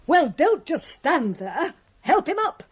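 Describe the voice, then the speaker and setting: An actress playing a flustered, sharp-tongued mother in a radio play. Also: high-pitched, very animated, slow pace, full character voice. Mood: scolding. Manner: flustered, then sharp and scolding.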